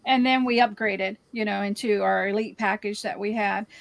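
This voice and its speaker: A woman's voice: medium pitch, fairly even intonation, moderate pace, creaky, no echo. A woman speaking as a guest in a casual, conversational style.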